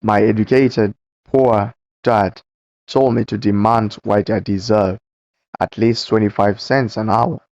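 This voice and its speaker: Guy reading a book out loud real slow, low voice, keeps tripping on words, dull muffled recording. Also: fairly even intonation. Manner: slow, halting reading with stumbles and self-corrections. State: voice cracking. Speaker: book reader.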